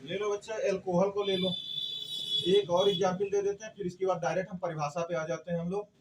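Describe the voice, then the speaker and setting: A high-pitched man lectures a chemistry class, firing questions at the students and answering them himself. He stands a little back from the mic, and a faint hum of the room sits behind him. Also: little pitch movement, a little fast, distant mic. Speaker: chemistry teacher.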